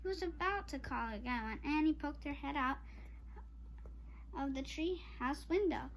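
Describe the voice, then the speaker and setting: At a moderate pace, a child with a high voice reads a children's chapter book aloud to online viewers. The reading stays informal, with the child apologizing and addressing listeners directly, and slight background noise can be heard.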